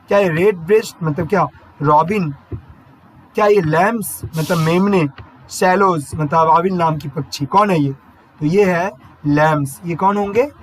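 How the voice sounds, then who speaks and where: Guy teacher going through poem lines slow, highish voice, faint hiss behind. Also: low-quality recording. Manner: slow, repetitive explaining that asks and answers his own questions. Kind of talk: exam-prep lesson explaining English poetry. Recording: faint background noise.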